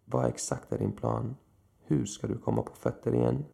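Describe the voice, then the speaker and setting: A man's voice: mid-range voice, very animated, vocal fry, dark tone. A man voicing a cruel, seductive supernatural woman who speaks in a cold, condescending, mocking way.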